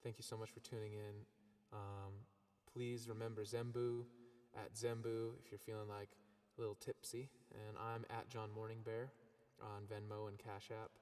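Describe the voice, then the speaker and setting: Fairly low-pitched and moderately paced, this male singer-songwriter barely pauses as he chats casually between songs on his live stream. He rambles easily through ums and likes, his voice soaked in an echo like a huge cave.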